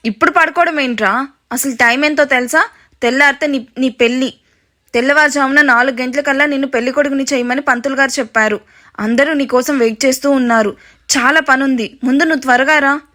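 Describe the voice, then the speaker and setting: Woman doing a bossy older mother, scolding, high bright voice, storybook audio. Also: brisk.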